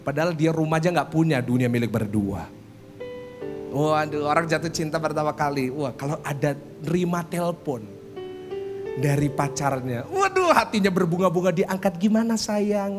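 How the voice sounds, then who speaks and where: A male pastor preaching a humorous church sermon, telling jokey stories and acting out quotes. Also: fairly high pitch. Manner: animated joking storytelling, acts out quotes. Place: church service. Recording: sermon with guitar music underneath. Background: guitar music.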